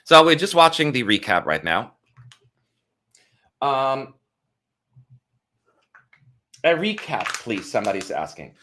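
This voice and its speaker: A man's voice: mid-range voice, moderate pace. A man co-hosting a live stream in casual chat, talking with many fillers. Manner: chatty, lively intonation, many fillers.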